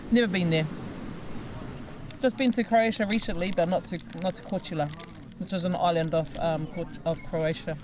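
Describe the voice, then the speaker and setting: A woman's voice: lowish voice, moderate pace, long pauses. A New Zealand woman, an art teacher, chatting casually in an interview with lots of ums. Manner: relaxed, chatty, with many ums and laughs. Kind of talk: casual chat. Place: outdoors at a crowded gathering. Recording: outdoor crowd noise behind. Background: crowd chatter.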